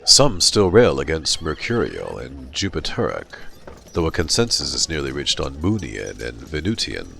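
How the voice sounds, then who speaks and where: A man's voice: a bass voice, huge pitch swings, moderate pace, vocal fry, fairly bright tone, slight background noise. A man narrating an audiobook as a pompous, self-satisfied diarist. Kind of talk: dramatic diary narration. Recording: music bed behind.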